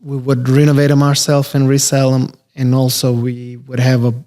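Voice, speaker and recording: A man, a real estate investor talking casually as a podcast guest, relaxed and rambling with many fillers. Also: mid-range voice, moderate pace. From Albania. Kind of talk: casual interview conversation.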